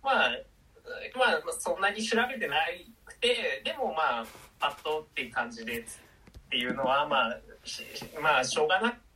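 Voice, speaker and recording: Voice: mid-range voice, expressive, moderate pace, bright, forceful tone, recorded from a distance, a little hiss or hum, low-quality recording. A podcast co-host in casual chat, talking hesitantly with trailing phrases and fillers.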